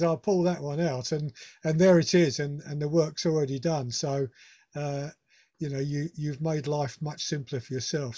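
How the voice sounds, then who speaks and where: A man's voice: on the high side, darkish tone. A man with a Northern English accent hosting a radio club meeting, talking casually with many restarts and fillers. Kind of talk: casual club talk over video call.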